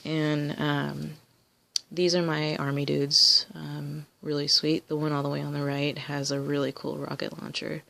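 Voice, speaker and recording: A woman's voice: sits low, level tone, unhurried, gravelly, pushed and bright. A woman collector casually showing her toys on video, rambling with many ums and restarts. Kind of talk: casual show-and-tell video.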